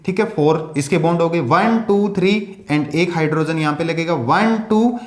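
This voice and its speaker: Guy teaching science, high voice, asks then answers himself, counts out loud, roomy echo. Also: normal speed. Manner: counts aloud while drawing. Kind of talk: classroom lecture. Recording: echoey room.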